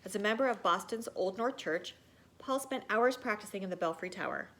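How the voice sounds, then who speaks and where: In a mid-range voice at a slightly fast pace, a woman reads a children's picture book aloud the way a teacher would, with expressive, theatrical storytelling.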